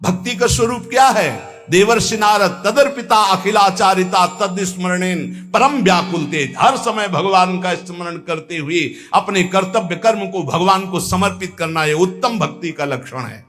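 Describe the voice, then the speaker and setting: A man delivers a devotional discourse with a slightly high voice and an unhurried, measured pace. He now and then lifts into sung, chanted verses. Soft music plays faintly behind him. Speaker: spiritual preacher.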